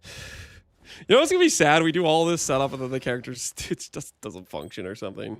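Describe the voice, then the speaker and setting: Male streamer on a dry headset mic, smooth-toned, animated, joking with chat while he plays. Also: mid-range voice, a little fast, no room sound. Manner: chatty, joking, thinks aloud to chat. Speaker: livestreamer. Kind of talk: casual gameplay commentary.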